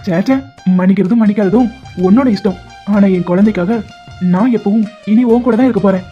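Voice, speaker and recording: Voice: mid-range voice, fairly quick, close to an everyday voice. Actor voicing a stubborn teasing young cartoon doctor, pet names, dull lo-fi sound, faint music behind. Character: persistent young man, doctor, claims the heroine as wife. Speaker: male lead. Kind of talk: animated love-story dubbing.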